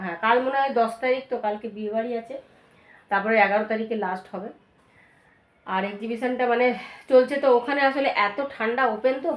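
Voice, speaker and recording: A woman, hoarse and stuffy from a cold, chatting through a daily home vlog. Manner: chatty, talks to her dog in a high coaxing voice. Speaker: vlogger. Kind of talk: casual daily vlog narration. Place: home, indoors. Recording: echoey room with faint ambient noise.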